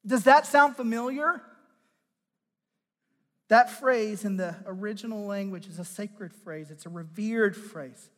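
At a measured pace, a male pastor delivers a sermon that alternates between loud emphasis and hushed, low moments, asking the congregation direct questions. His words carry a long reverb tail.

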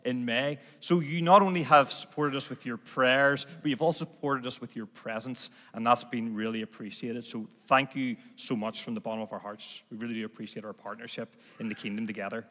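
A man's voice: mid-range voice, steady tone, brisk, few pauses, pushed and bright. A man with a Northern Irish accent addressing a church congregation as a visiting ministry leader. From Northern Ireland. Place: large indoor church, speaking from a stage. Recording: church hall with long reverb.

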